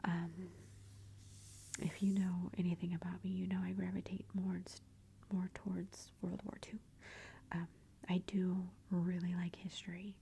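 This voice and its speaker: A woman speaking softly in a hushed, breathy near-whisper, gently and unhurriedly giving an ASMR book review. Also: lowish voice, little pitch movement, a little slow, a little hiss or hum.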